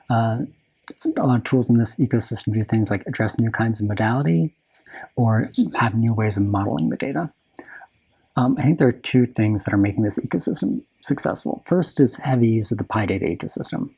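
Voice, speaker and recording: A software developer with a slightly husky, lowish voice gives a technical lightning talk, frequently restarting and correcting his phrases.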